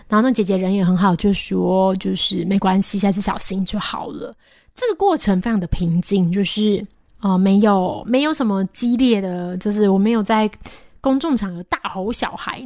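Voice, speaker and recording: A young woman, hosting a podcast and casually telling a story with many fillers and soft asides. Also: mid-range voice, dry recording, studio quality. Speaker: podcast host.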